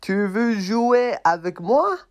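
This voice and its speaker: A childish male toy elephant, as a man puts him on, nags and repeats himself in a raised, bouncy voice. He speaks very slowly and clearly, as in puppet play for beginners, whiny and insistent. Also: high-pitched, lively intonation, pitched above the performer's own voice. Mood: pleading. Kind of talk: slow puppet play for learners.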